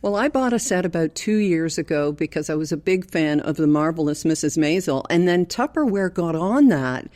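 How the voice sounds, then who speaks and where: A woman's voice: lowish voice, lively intonation, moderate pace, few pauses, a little mellow. An older woman with a Canadian accent chats casually as a podcast co-host, recording with a towel over her head in a hotel room. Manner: chatty, laughs easily. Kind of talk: casual chat. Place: hotel room, under a towel with pillows behind the mic.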